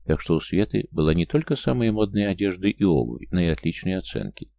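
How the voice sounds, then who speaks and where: Audiobook narrator, male, very low and gravelly, measured reading. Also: very animated, warm tone, dry recording, highs cut off. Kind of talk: scripted narration.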